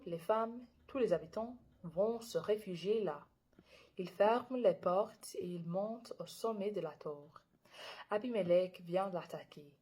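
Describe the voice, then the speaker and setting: A young woman reading scripture aloud in French with an English-speaking learner's accent. She reads carefully, halting and correcting herself. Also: medium pitch, mellow, slightly rough. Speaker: Bible reader and video creator.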